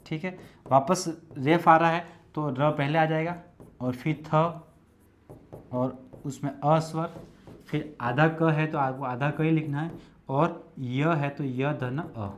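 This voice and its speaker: A man's voice: fairly high pitch, steady tone, takes it slowly. A male Hindi lecturer teaching an exam-prep lesson, explaining each step methodically and repeating it while he writes.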